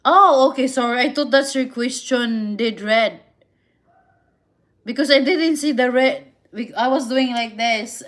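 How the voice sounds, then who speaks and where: This livestream host from the Philippines, whose native languages are Visayan and Tagalog, speaks English with a Filipino accent, haltingly and with many restarts, as she chats and responds to comments. Her pitch is fairly high.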